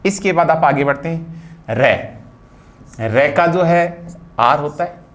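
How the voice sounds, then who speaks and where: A man's voice: on the high side, animated, takes it slowly. A man from India teaching a phonetics lesson, explaining patiently and spelling out words sound by sound. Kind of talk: phonetics lecture.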